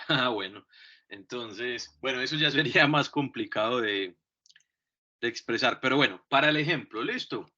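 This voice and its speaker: A man's voice: medium pitch, normal speed, sharp tone. A man with a Colombian Spanish accent teaching an English lesson, patiently explaining step by step and often checking in with his class. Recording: dull, lo-fi recording.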